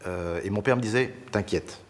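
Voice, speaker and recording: A man's voice: fairly low pitch, normal speed. A man in his sixties giving an interview testimony in a conversational way. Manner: conversational with fillers.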